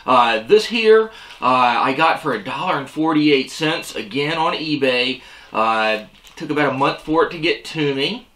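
A middle-aged man chats easily through a product review, full of "uh"s and asides. His voice is bright and forward. He sits at a desk in a small room facing the camera. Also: on the high side, lively intonation, measured pace. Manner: rambling, filler-heavy, easygoing. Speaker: fishing channel host. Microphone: seated at desk facing camera.

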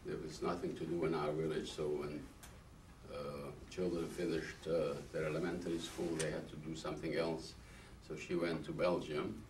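This recording, captured by a far-off camera with roomy echo and light hiss, features a Holocaust survivor in his eighties from Carpathian Ruthenia, later Czechoslovakia, in a small classroom. His rumbling, slightly mellow low voice barely moves in pitch, and he speaks haltingly with frequent pauses and "uh"s.

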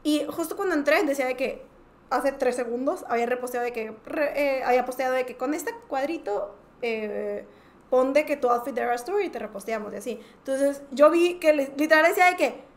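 A young Mexican woman co-hosting a podcast, telling stories in an excited, chatty way full of filler phrases. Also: high voice, brisk. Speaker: podcast co-host. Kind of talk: casual chat.

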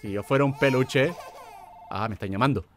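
A man's voice: medium pitch, fairly quick. A young man hosting a gaming video, joking and talking back to a horror game as he plays. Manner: excitable, jokey, talks to the game. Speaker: gamer host.

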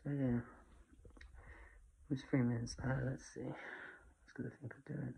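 A man vlogging casually from his room on a phone while talking through a face mask, halting with lots of fillers. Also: medium pitch, level tone, creaky, breathy edge, highs cut off. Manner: halting, many fillers and restarts. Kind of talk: casual rambling vlog. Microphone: phone camera.

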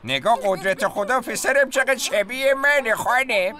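A man's voice: very high-pitched, animated, a crowd in the background. A goofy, dramatic young cartoon father. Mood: proud. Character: excitable young father, comic and theatrical. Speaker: new father. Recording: cartoon soundtrack with music behind.

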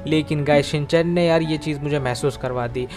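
Man, gaming role-play host, higher voice, emotional storytelling, faint music behind. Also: fairly quick, a little mellow. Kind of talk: dramatic game role-play narration.

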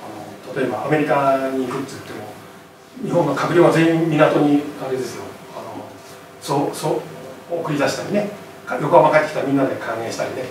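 Guy giving a chatty history talk in a lecture hall, mic kinda far off, lots of echo. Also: mid-range voice. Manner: animated, chatty, constant tag questions. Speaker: lecturer and author. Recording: very echoey hall, far from mic, faint noise.

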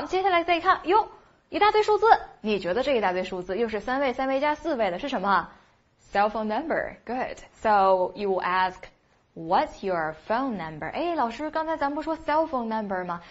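A woman teaching a spoken English lesson, explaining patiently, asking rhetorical questions and slowly repeating phrases for practice. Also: a little high, lo-fi sound.

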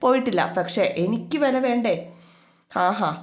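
A woman's voice: a little high, moderate pace, lightly acted. A woman voicing a tearful, self-pitying young wife who pleads and reproaches her husband in a retold family story. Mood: reproachful.

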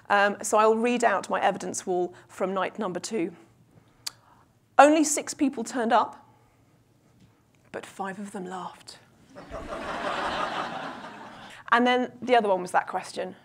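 A woman in her forties giving a humorous keynote speech as a coach, self-deprecating and lively, with comic asides, speaking into a lapel mic in a large conference room. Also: mid-range voice, normal speed, pauses often, a little hiss or hum.

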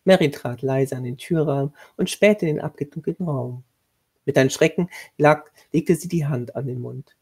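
A man reading his own horror short story aloud in a measured way, with a husky voice and occasional restarts. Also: a little high, darkish tone.

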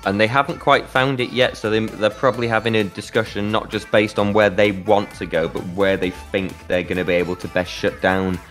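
A man casting an esports match play-by-play, excitable and climbing sharply in pitch at big plays. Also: fairly quick, hardly any pauses, faint music behind. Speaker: esports caster.

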